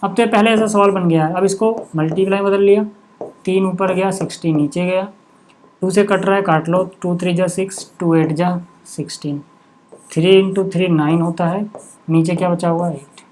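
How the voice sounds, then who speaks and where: A man's voice: high-pitched, fairly even intonation, normal speed, darkish tone. A man teaching a maths lesson in a casual classroom manner, often checking whether his students are following. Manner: casual, repeatedly checks understanding with short asides. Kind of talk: classroom lesson explaining on a board.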